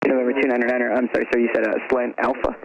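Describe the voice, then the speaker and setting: A man's voice: mid-range voice, level tone, very fast. A man working as an air traffic ground controller, giving clipped procedural instructions over a muffled aviation radio.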